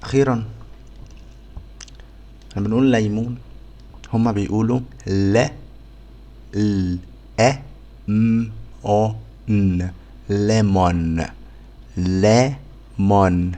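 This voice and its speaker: A man with an Egyptian Arabic accent teaching a phonics lesson to beginners, sounding out letters one by one and repeating each word slowly. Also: lowish voice, steady tone, dark tone. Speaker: English teacher.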